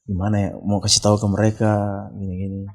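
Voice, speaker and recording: A man's voice: fairly low pitch, little pitch movement, fast. A man from Papua in his thirties, a guest singer telling his story in a casual interview and acting out the dialogue he quotes.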